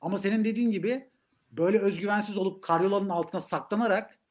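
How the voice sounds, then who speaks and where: Male academic guest for political talk show, fairly high voice, emphatic and rhetorical delivery. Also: fast talker, darkish tone. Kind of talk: political discussion on a live stream.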